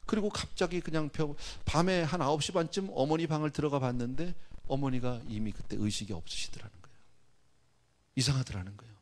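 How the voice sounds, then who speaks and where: A male pastor preaches in a chatty, direct way, addressing the congregation as if talking with them. He drops to near-hushed asides and then bursts into loud, emphatic lines. His voice sits a little high for a man. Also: a little fast. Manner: conversational, swinging between hushed and loud exclamations. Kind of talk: sermon.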